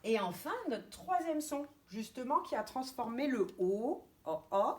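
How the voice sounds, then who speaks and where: Slow, lively French preschool teacher. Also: female voice, on the high side, very noisy. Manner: slow, careful sounding out of letters. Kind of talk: children's reading lesson by video. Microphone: camera mic.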